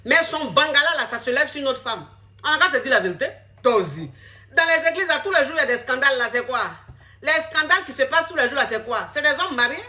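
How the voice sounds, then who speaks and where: A woman's voice: high-pitched, lively intonation, quick pace, bright, forceful tone. A woman coach, talking bluntly and scolding her viewers in a social media video. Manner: blunt, scolding, repeats herself. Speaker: relationship coach. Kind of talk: direct-to-camera social media talk.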